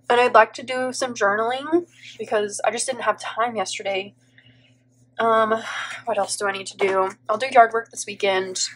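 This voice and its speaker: Sitting at a table at home with an overhead camera on her planner, a woman in her thirties who teaches and vlogs about planners records a relaxed plan-with-me voiceover. Her fairly high, fairly bright voice sounds stuffy from allergies, and she talks her thoughts through with frequent "like"s and little laughs.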